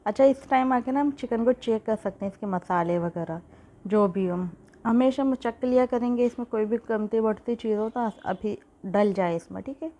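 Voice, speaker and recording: A woman's voice: fairly high pitch, moderate pace, dark tone. Woman with a sore throat, cooking tutorial. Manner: chatty, repeats "theek hai" often. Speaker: cooking channel host. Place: home kitchen. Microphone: phone.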